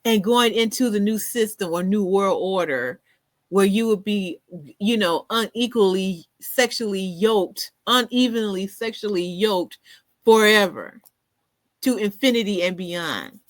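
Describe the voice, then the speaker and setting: A woman hosting a podcast in casual solo commentary, animated, often laughing and repeating words for emphasis. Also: mid-range voice, unhurried, dry recording. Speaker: podcast host.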